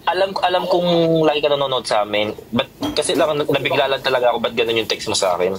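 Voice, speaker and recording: A man's voice: medium pitch, lively intonation, quick pace, noisy background. A man chatting casually on a livestream, defensive and insisting again and again that he is not angry.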